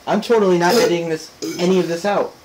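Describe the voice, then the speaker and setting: A young man casually commentating a video game, excitable and swearing, shouting at the screen when things go wrong. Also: high voice, fast talker. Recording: noisy home recording.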